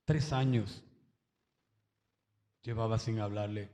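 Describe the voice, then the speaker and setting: A man's voice: fairly low pitch, fairly even intonation, slow, darkish tone, long reverb tail. A man giving an emotional religious testimony at a church service, breaking into exclamations of praise.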